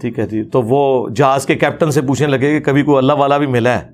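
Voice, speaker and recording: A man's voice: mid-range voice, fairly even intonation, darkish tone, faint music behind. Argumentative male religious lecturer. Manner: argumentative, challenging. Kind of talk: critical commentary on a clip.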